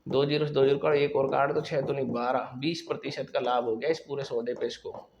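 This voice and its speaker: A male maths teacher giving a classroom lesson, working through problems step by step and often pausing to check that students follow. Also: medium pitch, steady tone, a little mellow, dull audio.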